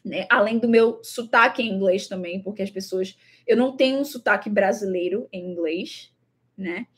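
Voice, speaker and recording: This travel vlogger is a young Brazilian woman whose medium-pitched voice has a breathy edge and a moderate pace. With her Brazilian Portuguese accent, she chats casually to the camera, thinking aloud, repeating words and leaning on fillers.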